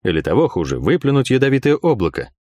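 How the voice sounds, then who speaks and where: A man narrating a first-person fantasy audiobook in a wry, expressive way. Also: mid-range voice, fast, no echo, muffled recording.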